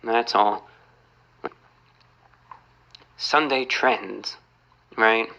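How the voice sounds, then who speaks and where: Man with a sharp, bright voice. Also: lowish voice, steady tone, extremely slow, creaky, low-quality recording. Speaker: YouTuber answering viewer emails. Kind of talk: casual monologue.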